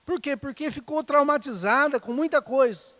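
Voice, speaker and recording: A middle-aged man delivers a sermon in a high, light voice. His tone is conversational, often turning to the congregation with short questions. The sound is dry and close, with no room echo. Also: moderate pace, fairly bright tone. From Brazil. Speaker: pastor.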